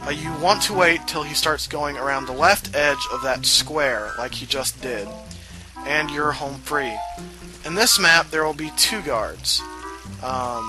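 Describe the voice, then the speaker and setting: A man's voice: fairly high pitch, low-quality recording. A man from the Southern US giving casual walkthrough commentary on a video game, full of fillers and asides. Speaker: let's play host. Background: game music.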